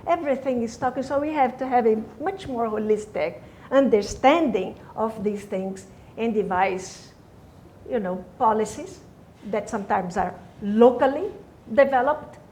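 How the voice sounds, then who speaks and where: A woman's voice: fairly high pitch, unhurried, darkish tone, a little hiss or hum. A woman speaking as a scientist on a panel, hesitant, with many "you know"s and "uh"s. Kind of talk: panel discussion remarks.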